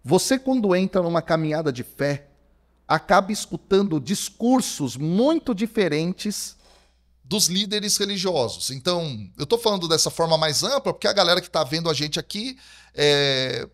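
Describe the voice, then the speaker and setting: Speaking at a normal speed in a voice on the high side, a theology professor of about forty from Brazil chats as a podcast guest. He has a Brazilian Portuguese accent and narrates his story with animation and plenty of fillers such as "cara." It's a conversational interview, captured with a studio microphone in a podcast studio.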